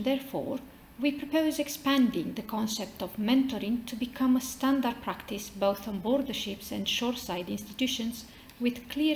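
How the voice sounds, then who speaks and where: A Romanian woman with a Romanian accent, representing a maritime association, delivers a prepared formal speech. Her voice is a little high and a little mellow. The recording has a roomy echo and faint noise.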